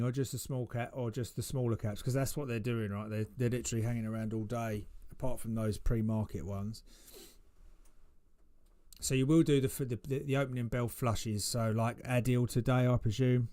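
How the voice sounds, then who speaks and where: A man's voice: medium pitch, steady tone, normal speed, a little mellow, no echo. Chatty man with dry sound. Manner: chatty, laughs often, many restarts. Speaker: trading livestream host. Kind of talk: casual chat on a live stream.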